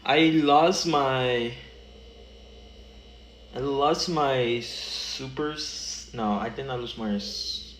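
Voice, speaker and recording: A man streaming a game, talking casually to his chat in quick rambling bursts and restarts. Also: medium pitch, a bit bright, slight background noise. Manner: rambling, talks to chat while playing; quick bursts, trailing off mid-sentence. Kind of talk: casual gaming livestream chat.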